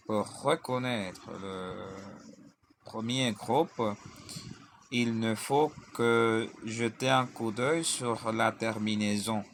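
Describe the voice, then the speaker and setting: A man's voice: on the low side, drawn-out words, slight background noise. A man teaching a grammar lesson, drilling verb conjugations in lists and spelling out word endings letter by letter. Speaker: language teacher.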